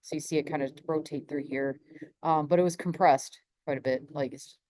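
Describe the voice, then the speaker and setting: A woman's voice: low voice, steady tone, a little fast, warm tone. A woman hosting a casual live stream about space weather, rambling with many restarts and laughs.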